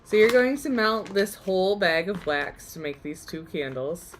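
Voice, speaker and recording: A woman's voice: mid-range voice, expressive, moderate pace, background noise. A woman host losing her voice, giving a chatty, upbeat live DIY demonstration. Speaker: workshop host.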